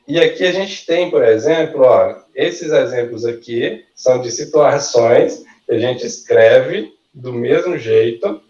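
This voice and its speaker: A male teacher leads an online workshop at an unhurried pace, modelling each word carefully for his students to repeat. His voice sounds distant in an echoey room, and the recording is dull and lo-fi. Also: medium pitch, darkish tone. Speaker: language teacher. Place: video call.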